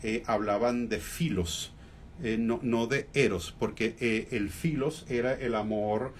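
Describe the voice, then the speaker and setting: A man with a Venezuelan accent, a humorist guest in a radio interview, talking reflectively with many fillers and pauses. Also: medium pitch, fairly even intonation, a little hiss or hum.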